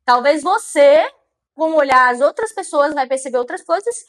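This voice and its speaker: A woman's voice: high-pitched, expressive, normal speed. A woman giving a motivational monologue on mindset, repeating phrases and asking the listener rhetorical questions. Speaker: mindset speaker.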